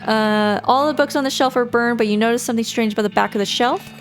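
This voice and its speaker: A woman's voice: on the high side, fast talker, faint music behind. A woman doing casual video game playthrough commentary, reading the on-screen text aloud and adding her own remarks.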